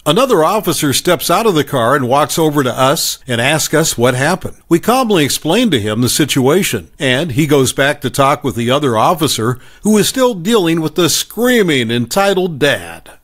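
Lively, expressive male story narrator. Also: on the high side, moderate pace, few pauses. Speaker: story reader.

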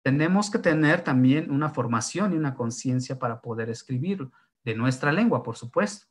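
A man whose first language is Zapotec teaches how to write his language's tones. He talks with a middle pitch. He pauses often with fillers and checks in with tag questions. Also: expressive. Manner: thinks aloud with many fillers and tag questions. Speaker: linguist. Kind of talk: explanatory talk on writing tones.

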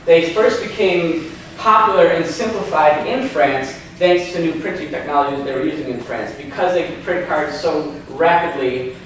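A man's voice: on the high side, a little hiss or hum. A man in his thirties giving an informal slide lecture, chatty with many ums and restarts, asking the audience questions. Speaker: seminar presenter. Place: hotel meeting room, indoors. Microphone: far camera, no handheld mic. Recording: echoey room from far off.

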